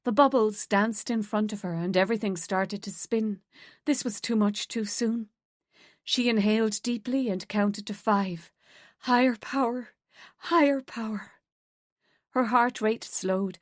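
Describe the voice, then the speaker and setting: Female narrator, measured audiobook delivery, dry booth sound. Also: mid-range voice, no room sound. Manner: steady, measured storytelling. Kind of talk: scripted narration.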